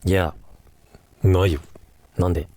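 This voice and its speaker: A man voicing an unseen spirit-like companion creature who gives low, terse, evasive answers. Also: fairly even intonation, measured pace, warm tone, dry recording.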